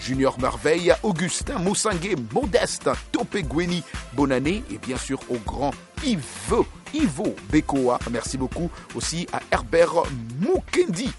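A man hosting a radio show, greeting listeners and joking with a guest in a lively, casual way. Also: fairly high pitch, unhurried, hardly any pauses, faint music behind. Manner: lively, jokey, laughs often. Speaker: radio host.

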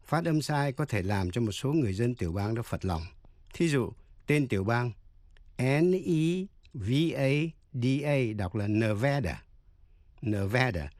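Slow, deliberate male radio English teacher. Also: medium pitch, a little mellow, no room sound, clean studio sound. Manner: deliberate, spells words letter by letter. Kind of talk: radio language lesson.

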